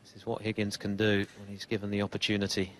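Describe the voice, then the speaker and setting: A man's voice: lowish voice, completely flat delivery, quick pace, background noise. A man giving snooker commentary in articulate, formally phrased, considered sentences. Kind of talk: sports commentary. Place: live snooker broadcast commentary.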